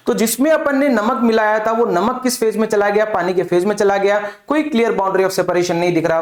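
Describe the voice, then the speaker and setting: A man teaching a chemistry lesson, asking his own questions and answering them, repeating key terms. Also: sits high. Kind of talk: classroom lecture with demonstration. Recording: echoey room.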